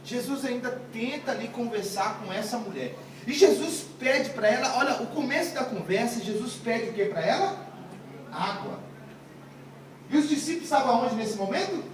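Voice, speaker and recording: A man's voice: very high-pitched, animated, moderate pace. A man in his thirties preaching a humorous sermon, retelling the story in a joking, slangy way, heard from a distant mic in a very echoey room. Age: 30s. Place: live gathering room.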